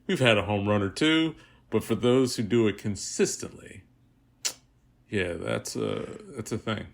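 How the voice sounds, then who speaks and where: Low-voiced man chatting reflectively. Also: measured pace, creaky. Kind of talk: casual film discussion.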